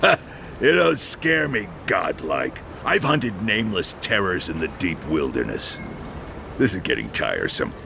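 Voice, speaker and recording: An actor playing a gruff, threatening gang leader in a video game, talking with open contempt. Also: male voice, deep voice, very animated, unhurried, background noise, heavily acted. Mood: menacing. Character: menacing gruff male gang boss, threatening.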